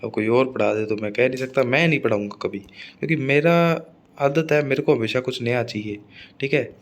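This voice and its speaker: Man, exam-prep lecture, medium pitch, repetitive, checks in with students. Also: normal speed. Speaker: teacher.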